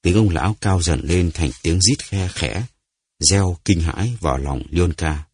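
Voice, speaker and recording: A man narrating an audiobook story in a measured, dramatic reading. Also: deep voice, darkish tone, husky, no echo, studio quality.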